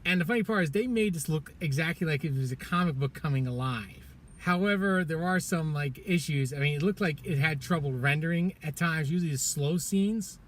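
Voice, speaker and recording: A man's voice: fairly high pitch, a little fast, a little hiss or hum. A man giving a casual film review in a parking garage, chatting loosely, laughing often and stumbling over his words. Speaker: movie reviewer.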